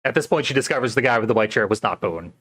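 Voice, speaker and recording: A man's voice: medium pitch, animated, racing, fairly bright tone. A man co-hosting a casual film podcast, recapping plot steadily and adding dry, wry remarks. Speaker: podcast co-host.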